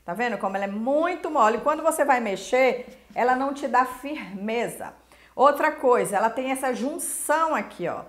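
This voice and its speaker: A Brazilian woman hosts a casual cooking lesson in a small indoor kitchen, chatting emphatically straight to the viewer at normal speed. Her voice sits a little high with lively intonation. She wears a lapel mic, and the kitchen gives a roomy echo.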